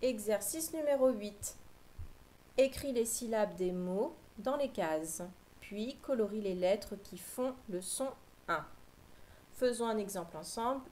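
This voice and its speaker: A woman teacher giving a slow, patient phonics lesson for young children, spelling out sounds clearly. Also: medium pitch, expressive, mellow, a little hiss or hum, rough recording.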